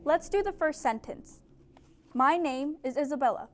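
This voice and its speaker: High-pitched young woman teaching a little esl class, clear and encouraging, picked up from across the room. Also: animated, normal speed. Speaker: ESL tutor. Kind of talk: teaching a small group lesson.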